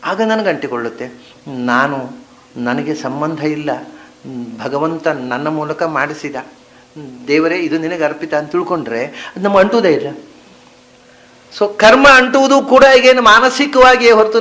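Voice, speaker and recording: A man, teaching a scripture discourse, chanting verses and then explaining them, moving from soft murmurs to emphatic stresses. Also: sits high, rough recording. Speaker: spiritual teacher.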